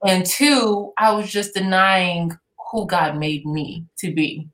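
A woman's voice: lowish voice, steady tone, slow, fairly bright tone, reverberant, poor audio. A woman being interviewed as a guest, speaking candidly and laughing easily about personal matters. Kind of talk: casual chat.

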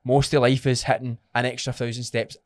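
A man's voice: mid-range voice, little pitch movement, brisk, no room sound. Broad Scottish man, dry podcast sound. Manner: blunt, sweary, encouraging. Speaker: fitness podcast co-host, personal trainer. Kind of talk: casual podcast chat.

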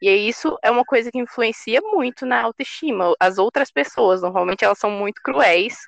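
A woman's voice: on the high side, expressive, a little fast, gravelly, no room sound. A young woman, a student, chatting casually in a frank, exasperated way. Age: young adult. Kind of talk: casual chat.

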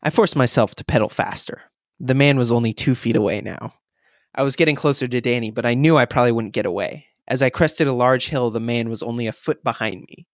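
A man's voice: medium pitch, brisk, no echo, clean studio sound. Man reading aloud and teasing. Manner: teasing, joking. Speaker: podcast co-host reading a story aloud. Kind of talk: casual reading with banter.

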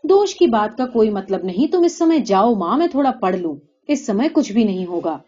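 A woman's voice: mid-range voice, sing-song, mellow, faint music behind. A woman voicing a young male student who brushes off talk of marriage impatiently. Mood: dismissive. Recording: dull lo-fi recording.

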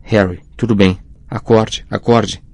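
A man's voice: lowish voice, fairly even intonation, a little slow, darkish tone, no room sound. A man doing a worried young witch. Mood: concerned. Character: anxious caring young witch, teenage girl friend.

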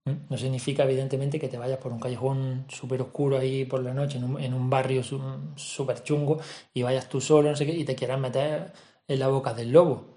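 A calm man gives a gentle, reflective self-help talk. His voice is warm and mellow, and it rings a little in a roomy space. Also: mid-range voice, fairly quick. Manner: calm and gentle, often checks in with a soft "mm?". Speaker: personal development speaker. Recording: roomy echo.

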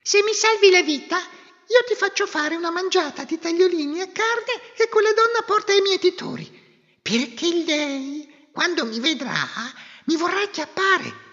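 Squeaky little songbird. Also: male voice, expressive, moderate pace, bright, forceful tone, full character voice. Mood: sly, coaxing. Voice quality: squeaky falsetto. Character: small clever male songbird, quick and cunning. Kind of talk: storybook character voice. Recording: echoey hall, dull lo-fi sound.

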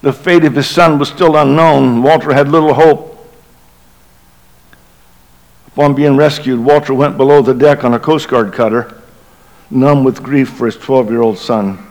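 A middle-aged man, a bishop, preaching a Christmas Eve sermon and telling a story dramatically, sinking to a hushed low voice at tense moments. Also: fairly even intonation, a little slow, long pauses, rough recording.

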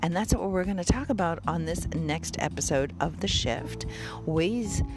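A woman's voice: fairly low pitch, moderate pace, over music. A woman hosting a motivational podcast, speaking directly and conversationally to her listeners. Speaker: podcast host.

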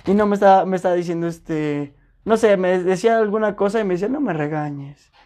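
A young woman with a Mexican accent and a soft, mellow tone. She tells stories in lively, slangy chat and slips into other people's voices to act out their lines. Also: mid-range voice, fast. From Puebla, Mexico. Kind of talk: casual chat, storytelling.

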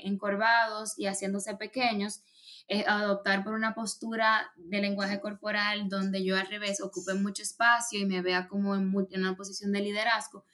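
This casual advice chat features a woman offering public speaking guidance in a laid-back conversation. Her voice is medium-pitched, and her long explanations are peppered with fillers and restarts.

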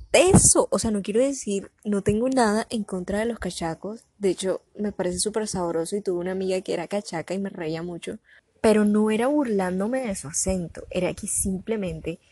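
A young woman with a Colombian Caribbean coastal accent, chatting in an animated, talkative way. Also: medium pitch, brisk, breathy edge, dry recording. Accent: Colombian Caribbean (costeño). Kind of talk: casual chat.

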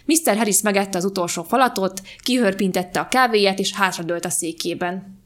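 A woman podcast host reading a short story aloud in a calm, even storytelling manner. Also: mid-range voice. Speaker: podcast reader.

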